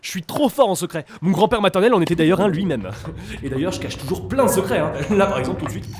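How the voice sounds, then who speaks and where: A man's voice: high voice, animated, fast. A man playing a nervous, bumbling villain's sidekick in a comic audio drama, stammering and over-explaining. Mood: naive.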